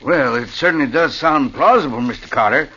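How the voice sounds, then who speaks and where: A skeptical, husky ranger. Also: male voice, mid-range voice, a little fast, pushed and bright. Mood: doubtful. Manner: doubtful, questioning. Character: skeptical male park ranger. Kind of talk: 1940s radio acting. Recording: dull old radio recording.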